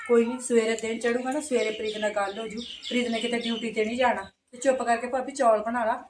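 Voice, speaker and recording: Lady doing a sarcastic unmarried girl in a punjabi village drama, talks back, clear noise behind. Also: a little high, fairly even intonation, fast talker, lightly acted. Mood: retorting. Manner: sharp retorts, bitter sarcasm. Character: unmarried young woman, sharp-tongued, resentful. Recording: roomy with background noise.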